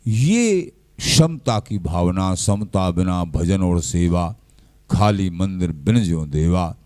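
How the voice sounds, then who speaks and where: Slow guy giving a devotional talk, low mellow voice, dry sound. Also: no room sound. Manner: slow, measured, quotes verses and scripture in a lively rise and fall. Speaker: spiritual teacher. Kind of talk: devotional discourse.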